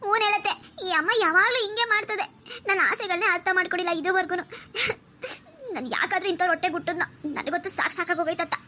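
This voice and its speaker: Whiny, sobbing young cartoon heroine, very high and fast. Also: female voice, steady tone, pushed and bright, a little hiss or hum. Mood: sulky. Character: lovesick tearful young woman, stubborn and clingy. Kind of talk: cartoon voice acting.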